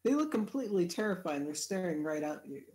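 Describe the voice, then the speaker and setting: Relaxed game master narrating a scene. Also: mid-range voice. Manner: halting, relaxed narration with fillers. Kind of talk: narrating a tabletop game over voice chat.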